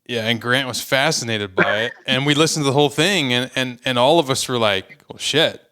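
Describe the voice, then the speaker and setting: A man hosting a casual podcast conversation, blunt and profane, quick to agree. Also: mid-range voice, bright, forceful tone, clean tone. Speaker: podcast host.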